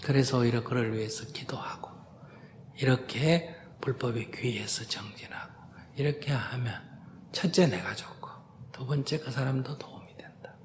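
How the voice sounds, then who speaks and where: An older Buddhist monk with a mid-range voice bluntly advises a questioner during a Q&A dharma talk, scolding and teasing at normal speed. A faint hiss or hum sits in the recording.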